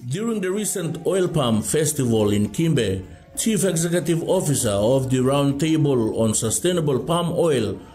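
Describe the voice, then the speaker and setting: A male reporter reading a scripted news report in a measured, formal way. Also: a little high, expressive, dark tone, faint music behind, poor audio.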